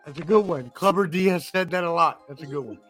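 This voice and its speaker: A man's voice: on the high side, quick pace, a bit bright, faint music behind. A man calling in to a casual sports talk show over a glitchy, robotic, bitcrushed connection that keeps breaking up. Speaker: remote guest calling in.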